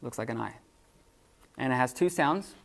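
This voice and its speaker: A man teaching a classroom lesson off the cuff, halting with many fillers and restarts. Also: medium pitch, creaky, fairly bright tone. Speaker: Greek teacher.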